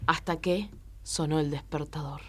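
A woman's voice: low-pitched, steady tone, moderate pace, a bit bright. A woman narrating a radio comedy sketch.

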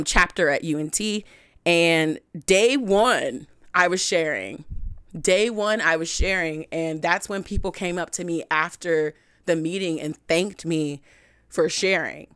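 A young woman hosting a podcast, telling a candid personal story in a frank, chatty way, full of "like" and animated swings in pitch. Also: no echo, studio quality. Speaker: podcast host.

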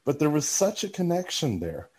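A man with a Southern Alabama accent chatting casually, often repeating words as they start in a halting way. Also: on the high side, huge pitch swings, a little mellow. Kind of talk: casual chat.

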